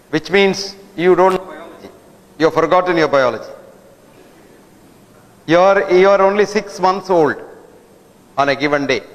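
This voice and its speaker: Man lecturing in an echoing hall. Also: high-pitched. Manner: didactic, fires rhetorical questions at listeners. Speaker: guest lecturer. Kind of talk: lecture to an audience. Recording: long hall reverb.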